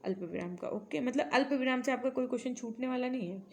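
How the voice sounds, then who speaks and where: Woman teacher running a quiz, slightly high. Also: fast talker. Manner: quizzing, then explaining answers patiently; mixes English phrases into explanations. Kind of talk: exam-prep quiz lesson.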